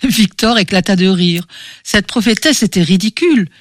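A man narrating a novel in a measured, expressive way. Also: high-pitched, dry recording, clean studio sound. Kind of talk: scripted audiobook narration.

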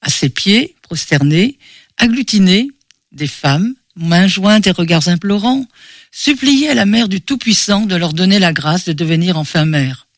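High-pitched male audiobook narrator. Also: lively intonation, measured pace, no room sound, studio quality.

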